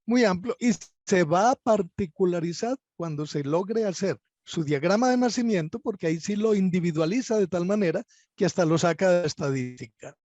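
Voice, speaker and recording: A Colombian man with a high-pitched voice explains his subject in a measured, lecturing way, now and then stumbling over a restart. The sound is dull and muffled, with a very dry, close feel. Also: animated, darkish tone, dry recording. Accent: Colombian Spanish. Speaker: astrologer guest. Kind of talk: explanatory interview answers.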